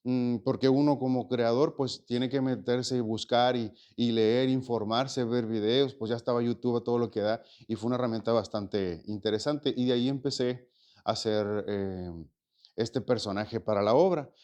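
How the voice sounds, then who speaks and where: A man's voice: mid-range voice, steady tone, moderate pace, darkish tone, clear, resonant tone. A man in his forties from Mexico, an actor and stage producer, answering interview questions in a reflective, rambling way with many fillers and repeated words. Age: 40s. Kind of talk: casual interview conversation.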